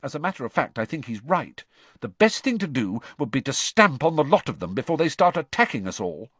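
A clipped, determined teenage schoolgirl, as a male narrator puts her on. She sounds earnest and brisk, with a lively, moving pitch. The recording is close and dry. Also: slightly rough, dry recording. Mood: firm.

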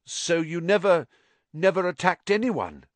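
A man's voice: high voice, big pitch swings, unhurried, no room sound, voice pushed up. A man voicing a frightened schoolboy who speaks urgently and breathlessly in a storybook reading.

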